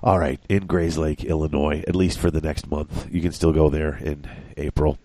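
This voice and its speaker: A man's voice: very deep voice, level tone, normal speed, warm tone, dry recording. A middle-aged man co-hosting a podcast in casual, rambling chat, congested and short of breath from a chest cold. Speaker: podcast co-host.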